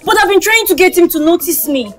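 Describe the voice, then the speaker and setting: A woman's voice: very high-pitched, lively intonation, quick pace, a bit bright, faint music behind. An actress with a Nigerian accent playing a lovesick, dramatic, determined young woman in a comedy skit. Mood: exasperated longing. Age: young adult. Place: outdoors in a street and inside a small shop.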